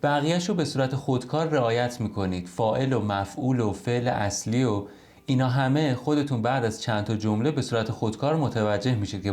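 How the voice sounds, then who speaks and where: Male language tutor, patient step-by-step explainer, mid-pitched voice, online lesson. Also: a little mellow. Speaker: English teacher.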